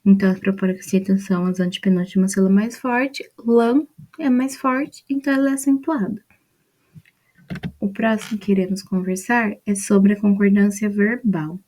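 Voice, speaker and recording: Mellow-voiced Brazilian woman explaining grammar. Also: mid-range voice, steady tone, a little fast. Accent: Brazilian Portuguese. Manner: patient, step-by-step explaining with "né?" and "então". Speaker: student presenting a study mind map. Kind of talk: explaining grammar from a mind map.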